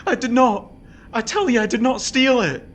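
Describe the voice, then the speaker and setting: A man's voice: high-pitched, lively intonation, unhurried, husky, heavily acted. An actor playing a desperate jailed young husband, pleading his innocence in an audio drama. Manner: pleading, anguished, breaking into outbursts. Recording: faint background noise.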